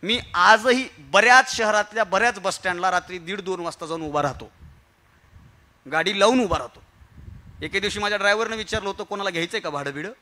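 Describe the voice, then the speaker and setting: A man with a Marathi accent giving a humorous motivational kirtan talk, moving from quiet storytelling to emphatic exhortation with rhetorical questions and repetition. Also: high-pitched, fast. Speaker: kirtan speaker. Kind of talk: humorous motivational speech to an audience.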